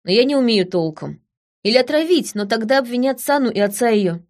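A woman's voice: a little high, expressive, voice pushed up. Woman doing an obsessive, hurt village youth. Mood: confessing. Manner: halting, repeats himself, confessional. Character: young village man, hurt, obsessive, brooding.

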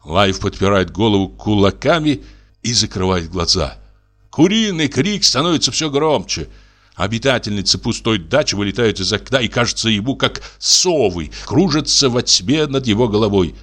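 A man reading the narration of a humorous short story in a lower, calmer voice. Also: moderate pace. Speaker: audiobook reader.

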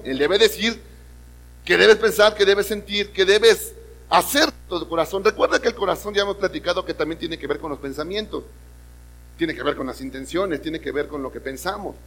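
This male pastor's voice sits high and sounds a bit bright, carrying a Mexican Spanish accent. He delivers a sermon in a church service hall, quizzing the congregation and performing different voices, all wrapped in the hall's long reverb.

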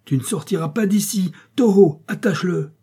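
A man's voice: fairly high pitch, measured pace, mellow, breathy edge, pitched above the performer's own voice. A man voicing a ruthless, commanding man who barks orders and harsh threats in an adventure audiobook. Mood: angry.

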